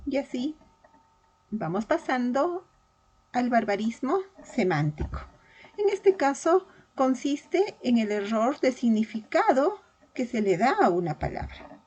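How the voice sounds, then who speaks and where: A woman teacher giving a verbal reasoning lesson, slowly and deliberately spelling out examples of correct and incorrect words. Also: a little high, very animated, darkish tone, husky, low-quality recording.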